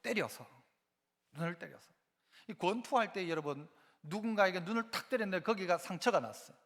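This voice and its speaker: A man's voice: high-pitched, a little fast. A man, a pastor preaching a Sunday sermon and quizzing his congregation with rhetorical questions. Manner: animated, asks the congregation frequent rhetorical questions. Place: church sanctuary. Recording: long church hall reverb.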